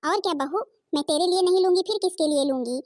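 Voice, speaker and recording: A woman's voice: very high-pitched, fast, a little mellow, no echo, clean studio sound. A woman voicing a scheming middle-aged mother in a cartoon, bossy and sly.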